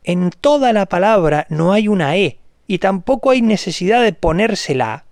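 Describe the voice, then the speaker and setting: A man's voice: high voice, no echo. Indignant man ranting, dry close sound. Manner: slow, spelled-out emphasis on words. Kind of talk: opinionated solo monologue.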